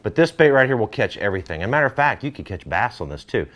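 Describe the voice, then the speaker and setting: A middle-aged man, hosting a fishing gear demo in an energetic, salesy way. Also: medium pitch, racing. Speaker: fishing show host. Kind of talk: product demo talk.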